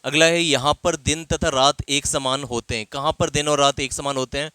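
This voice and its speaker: Male teacher, bright voice, methodical quiz-answer delivery. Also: fairly high pitch, normal speed, clear, resonant tone, dry recording. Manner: steady explanatory, reads each question then answers. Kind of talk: exam quiz lesson.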